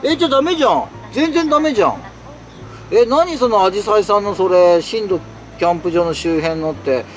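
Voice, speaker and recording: Guy rambling to his stream from inside a tent in the rain, high voice, bounces around a lot. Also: lively intonation, a little fast, faint music behind. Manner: chatty, exclamatory, answers viewer comments. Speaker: solo camping streamer. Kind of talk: casual live-stream chat while camping. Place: inside a tent while it rains.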